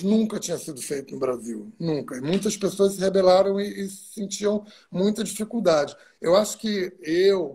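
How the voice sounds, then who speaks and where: Husky-voiced guy from brazil, talks theater stuff on a video call, wanders off on tangents. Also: a little high, darkish tone. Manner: digressive, explains at length with asides. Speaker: guest stage actor. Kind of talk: reflective interview storytelling.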